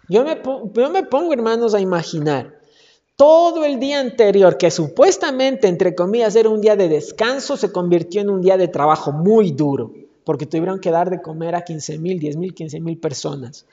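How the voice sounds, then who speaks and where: A man's voice: sits high, lively intonation, moderate pace, mellow. A man preaching a dramatic sermon, often calling out to his brethren and acting out scripture. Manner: dramatic, calls "hermanos" often, acts out scripture. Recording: dull, reverberant hall recording.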